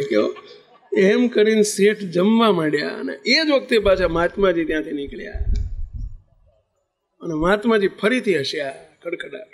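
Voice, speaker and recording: A man with a Gujarati accent, a spiritual teacher telling a devotional parable and acting out the characters' dialogue. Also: high voice. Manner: lively storyteller acting out each character in dialogue. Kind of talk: devotional storytelling discourse.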